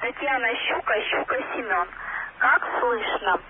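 A woman radio operator spelling out a coded message in slow, measured dictation over a walkie-talkie channel. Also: on the high side. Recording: tinny radio transmission with loud static.

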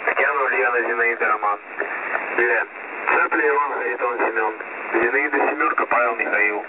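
A man's voice: medium pitch, normal speed. A man working as a radio operator, heard over a two-way radio, methodically reading out and repeating a code with a spelling alphabet. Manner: methodical, repeats the same sequence. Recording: tinny radio transmission with loud static.

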